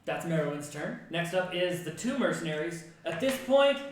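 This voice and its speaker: A man's voice: a little high, animated, normal speed, a little hiss or hum. A man running a tabletop game as game master, playful and swearing casually. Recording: echoey room, distant from the mic.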